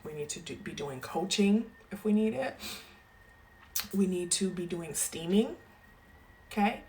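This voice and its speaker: A woman with a fairly low voice speaks as a wellness coach in a motivational talk. She sounds emphatic, keeps turning to her listeners for agreement, and seems close to tears. A faint hum sits underneath. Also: expressive, unhurried, mellow. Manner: emphatic, keeps adding "okay?".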